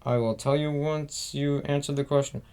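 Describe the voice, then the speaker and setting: A man's voice: a little high, steady tone, normal speed, a little mellow, smooth, natural voice. A man reading out the messages of a cold, manipulative older grandmother in a plain, barely acted voice.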